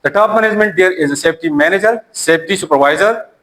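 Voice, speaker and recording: High-voiced man giving a lecture. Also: a bit bright, poor audio. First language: Urdu. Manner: halting, repeats words and restarts. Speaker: teacher. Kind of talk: classroom lecture.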